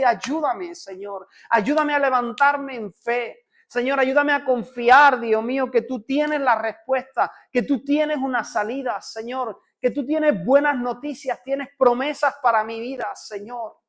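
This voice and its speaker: A Spanish-accented man with a high, light voice leads a church in prayer. His delivery is fervent and pleading, and he keeps returning to short repeated calls to the Lord. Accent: Spanish (Spain). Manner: fervent prayer, repeating "Señor" constantly, rising to urgent pleading. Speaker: pastor. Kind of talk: leading a congregation in prayer.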